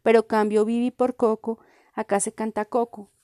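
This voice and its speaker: A woman reads a first-person literary story aloud. Her voice sits a little high and mellow, with a flat, even line. The sound is close and dry. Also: no room sound. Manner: calm, measured, even storytelling delivery. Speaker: reader.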